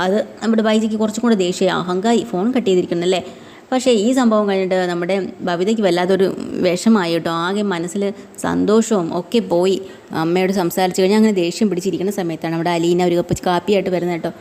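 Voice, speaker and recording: A woman's voice: on the low side, steady tone, fast, darkish tone. A woman, retelling a TV serial episode casually, with many fillers and quoted dialogue. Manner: chatty, often adds tag words and fillers. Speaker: serial review narrator.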